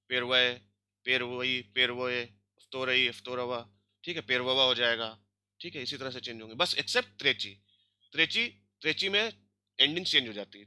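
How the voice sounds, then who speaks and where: Guy teaching an online grammar class, bright tense voice, keeps checking you got it. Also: on the high side, dry recording. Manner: explains step by step, checks in with "ठीक है" and "है ना". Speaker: language teacher.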